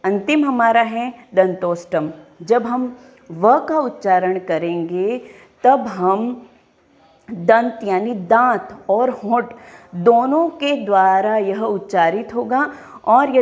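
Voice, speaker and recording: A woman teaching a class, speaking slowly and clearly, spelling out each sound and asking her pupils questions as she goes. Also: medium pitch, darkish tone. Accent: Hindi. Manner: slow, deliberate, enunciating each sound and posing questions to pupils. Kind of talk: classroom lesson.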